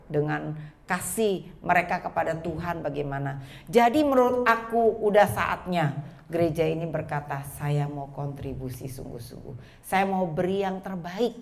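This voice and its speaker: A woman in her forties preaching a sermon with personal testimony in a lively way, speaking straight to the congregation. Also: medium pitch. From Indonesia. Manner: lively, addresses the congregation directly. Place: church.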